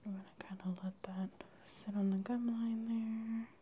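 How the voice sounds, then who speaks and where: Woman, ASMR dentist roleplay, gentle reassuring whisper, mellow tone. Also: fairly high pitch, little pitch movement, moderate pace, highs cut off, slight background noise. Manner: gentle, soft-spoken, reassuring.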